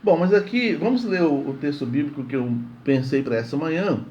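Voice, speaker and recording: A man's voice: a little high, fairly quick, a little mellow, highs cut off, a little hiss or hum. A man giving a morning devotional sermon in a conversational way, often repeating words and checking in with "entende?". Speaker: preacher.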